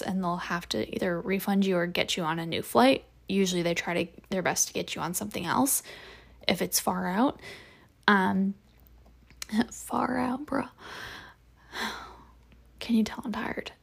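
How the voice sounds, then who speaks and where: A young woman in her twenties talks through a casual solo podcast in a loose, chatty way, dropping "like" and "um" often. Her voice sits mid-range, with a noticeable vocal fry running through it. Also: mid-range voice. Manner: chatty, with frequent "like" and "um" and soft laughs. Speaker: podcast host. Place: home room with a window to the street.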